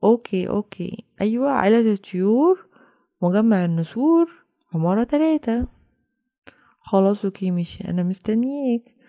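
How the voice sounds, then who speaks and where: A woman's voice: medium pitch, lively intonation, fairly quick, pauses often, mellow, lo-fi sound. A young woman with an Egyptian accent narrating a toy story and voicing the mother, fretful and exclamatory. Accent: Egyptian Arabic.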